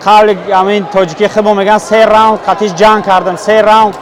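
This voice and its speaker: Upset high-voiced male fighter amid crowd. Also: level tone, normal speed, noisy background. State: emotional, upset. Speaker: fighter talking after a bout. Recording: loud crowd in the venue.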